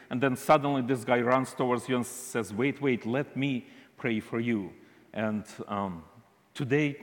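A man with an Eastern European accent giving a halting, deliberate church testimony as a visiting minister. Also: medium pitch. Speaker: visiting minister speaking to a congregation. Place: large indoor church hall. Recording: reverberant hall.

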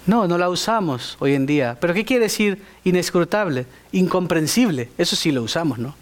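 Brief: male preacher, high voice, emphatic sermon delivery, asks the congregation questions. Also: animated, moderate pace. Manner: emphatic, rising to high exclamations; speaks directly to the congregation with questions.

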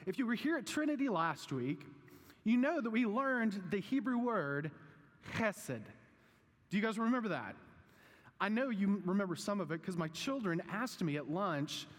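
A man, perhaps thirties or forties, preaching as a pastor in a conversational teaching style, with measured, deliberate phrasing and questions to his listeners. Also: sits high, expressive. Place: large reverberant room, preaching live. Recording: long reverb of a hall.

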